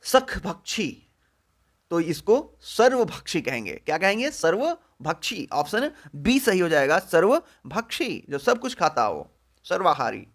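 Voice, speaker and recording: A man teaching exam prep, going through spelling answers one by one and repeating each word slowly with drawn-out syllables. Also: sing-song. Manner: drops low and soft at the end of each answer.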